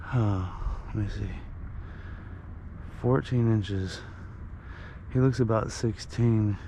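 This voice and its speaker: A man's voice: lowish voice, fairly even intonation, takes it slowly. Easygoing man, noisy outdoor recording. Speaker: host of an outdoor fishing and cooking vlog. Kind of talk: casual vlog narration. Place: outdoors, by water and at home. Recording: outdoor noise, water sounds.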